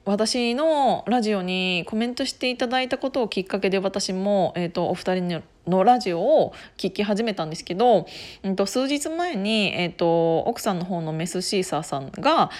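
Woman, solo podcast host, casual rambling chat, lots of fillers, mid pitch. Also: animated, moderate pace, darkish tone. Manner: chatty, many fillers, laughs often.

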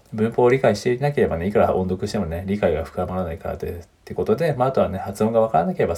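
A man's voice: lowish voice, mellow, breathy edge. A man hosting a podcast on learning English, explaining points one by one in a casual, chatty way. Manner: chatty, lists points one by one, tags sentences with friendly asides.

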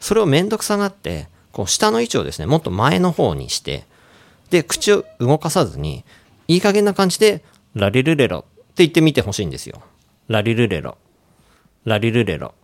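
A man hosting a radio English lesson who plays a friendly doctor giving out cures and explains pronunciation in a relaxed, joking way. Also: fairly high pitch, fast, vocal fry. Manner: playful doctor role, casual asides. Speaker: radio show host and English coach.

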